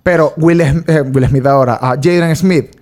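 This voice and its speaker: A man's voice: a little high, normal speed, a little mellow. A young Venezuelan man co-hosting a casual comedy chat, teasing in slang and laughing often. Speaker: podcast co-host.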